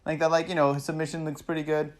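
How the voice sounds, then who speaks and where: A man casually recapping fight results, excitable and rambling, swearing freely and peppering his talk with "man" and "you know". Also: fairly high pitch, racing. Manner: acts out fighters' thoughts in quoted asides. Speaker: MMA vlogger recapping fights.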